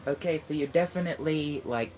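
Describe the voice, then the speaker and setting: With game music playing, a man on the high side of pitch, a little fast and a little mellow, coaches a friend next to him through a video game. It's a casual let's-play chat full of teasing and tips.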